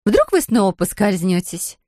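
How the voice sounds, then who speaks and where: A woman's voice: mid-range voice, sing-song, normal speed, a little mellow, no room sound, clean studio sound, natural voice. A woman voicing an anxious, kindly mother in a storybook, worried and fretful.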